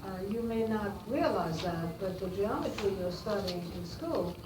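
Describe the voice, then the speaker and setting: Heard from a distance in a noisy, reverberant room, an older woman with an Austrian German accent gives a classroom talk to students as a visiting speaker. German is her native tongue. Her mid-range voice is expressive, but her delivery is halting, full of fillers and restarts.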